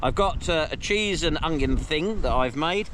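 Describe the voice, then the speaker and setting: A man's voice: on the high side, animated, moderate pace, a bit bright. A man presenting an outdoor vlog, chatty and self-mocking, recorded on a camera mic on an exposed hilltop. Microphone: camera mic carried outdoors. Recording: heavy wind and rain noise outdoors.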